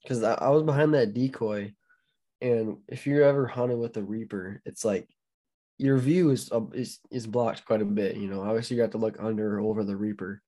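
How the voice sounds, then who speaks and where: Man, co-host, lowish voice, chatty and hedging, lots of "you know.". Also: fairly even intonation, brisk, mellow. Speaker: podcast co-host. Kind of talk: casual storytelling.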